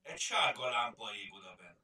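A man voicing a kind, brave young girl in a storybook, speaking gently and earnestly. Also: fairly low pitch, very animated, heavily acted. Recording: roomy, distant mic.

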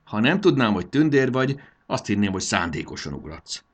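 A man's voice: lowish voice, sing-song. A man voicing a young boy who boasts and acts brave while he is afraid of heights. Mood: boastful, stubborn. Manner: boastful, then nervous and bracing himself. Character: adventurous young boy, proud but scared of heights.

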